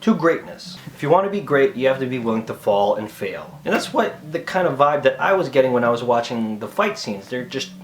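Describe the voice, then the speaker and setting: Animated man reviewing a movie. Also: mid-range voice, brisk, few pauses. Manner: animated, acts out quoted voices, drops to whispered asides. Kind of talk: casual movie review monologue.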